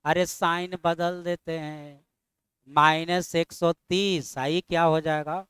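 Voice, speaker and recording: A middle-aged man teaching a math class, firing constant questions at his students and scolding them mildly when they are slow. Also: fairly high pitch, flat delivery, fairly bright tone, clear, resonant tone, dry recording.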